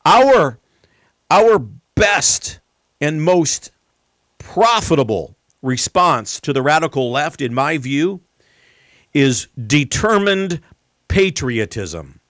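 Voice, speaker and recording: An American man hosting a political talk show, delivering an emphatic, rhetorical monologue with deliberate pauses and repetition. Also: on the high side, big pitch swings, fairly bright tone, no room sound, clean studio sound.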